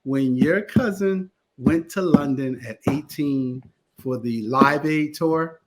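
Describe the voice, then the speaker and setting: A man from Connecticut, a guest attorney and theater producer, telling stories in a casual interview with animated delivery. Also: on the high side, slow pace. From Connecticut, USA. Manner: animated storyteller, lively voices in anecdotes.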